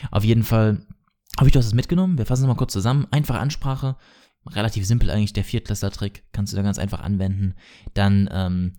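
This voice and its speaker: Fast-talking man with a mellow voice. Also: lowish voice. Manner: chatty, self-correcting, peppered with English marketing terms. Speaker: podcast host teaching sales copywriting. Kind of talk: casual solo lesson.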